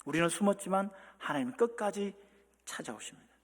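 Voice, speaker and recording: A man preaching a sermon as pastor, talking straight to the congregation with questions, moving between hushed near-whispers and loud impassioned peaks. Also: high-pitched, animated, brisk, gravelly. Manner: addresses the congregation directly with rhetorical questions. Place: church sanctuary. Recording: long hall reverb.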